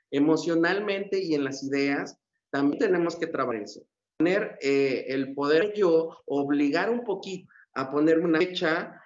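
A man, a psychologist giving an earnest motivational talk that wanders through fillers and restarts. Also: on the high side. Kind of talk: motivational talk on a radio-style show. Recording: echoey, dull lo-fi room sound.

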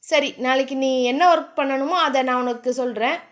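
A woman's voice: high-pitched, fairly quick, lightly acted. A woman voicing a stern young man, curt and teasing, from a storybook romance.

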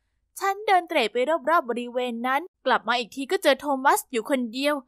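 Young female narrator for an animated story, high and bright, dry close recording. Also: quick pace, dry recording. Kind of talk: first-person story narration.

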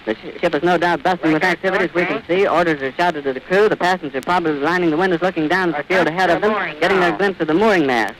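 Urgent 1930s radio reporter, high voice. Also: male voice, a crowd in the background, low-quality recording. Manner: vivid, urgent descriptive commentary with pauses to catch breath. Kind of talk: live eyewitness radio report. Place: outdoors at an airfield. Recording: old 1930s archive radio recording with hiss.

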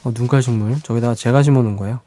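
A man's voice: mid-range voice, steady tone, very fast, warm tone. A man streaming a survival game with live let's-play commentary, chatting with viewers and talking to the creatures on screen.

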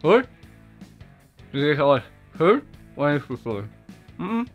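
A man's voice: on the high side, very animated, measured pace, faint music behind. A man hosting a casual vlog, talking and laughing while wearing fake teeth, his speech mumbled and muffled. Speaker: YouTube host.

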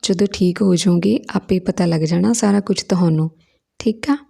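A woman voicing an earnest young married woman who sounds ill, with soft pleading questions, in a storybook reading. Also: lowish voice, moderate pace, vocal fry, husky, exaggerated voice. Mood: gentle.

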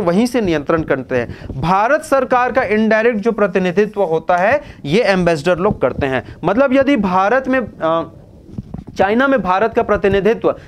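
A young male tutor with a fairly high voice gives an exam-prep current affairs lesson. He talks in a chatty way, poses questions to his class and answers them himself, and slips English terms into his Hindi. Faint background noise sits under his voice. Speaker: teacher.

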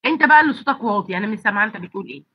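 A pharmacy college lecturer with an Egyptian Arabic accent teaches an online class, her nose and throat blocked. Her medium-pitched voice is expressive, racing, and slightly rough, and she asks students rhetorical questions and answers them herself. The dull, echo-free audio comes from a computer mic on a video call.

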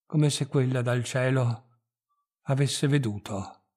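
A man reading a literary short story aloud in a measured, expressive narrating manner. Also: medium pitch. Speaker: reader.

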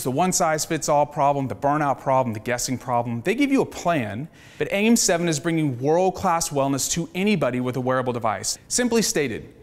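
A man who founded a startup gives an energetic, upbeat business pitch to a panel of investors. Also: in a large hall. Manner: energetic, upbeat salesman's delivery.

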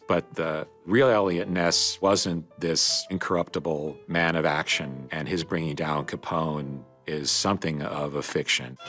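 A middle-aged American man giving articulate, deliberate commentary in a documentary interview. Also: very deep voice, a bit bright. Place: dim indoor interview set, music behind.

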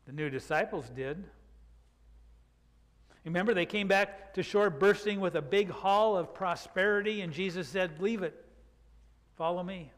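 Older man preaching in a reverberant church. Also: sits high. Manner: reflective, unhurried, with drawn-out emphasis. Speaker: pastor. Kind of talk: sermon. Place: church sanctuary, speaking from the pulpit. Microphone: pulpit microphone.

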